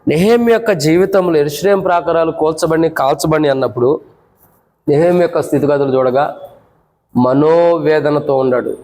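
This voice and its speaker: Male preacher, Telugu accent, fairly high voice, call-and-response teaching, climbs high when emotional. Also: a little fast, warm tone, rough recording. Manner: teaching by call-and-response questions, numbered points; rises sharply in pitch when voicing the lament. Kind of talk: church prayer meeting sermon.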